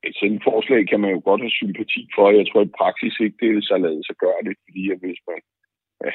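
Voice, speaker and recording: A man's voice: deep voice, slightly rough, no echo. A man, a football association director, answers cautiously in a recorded interview and repeats himself. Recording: tinny phone line, dry.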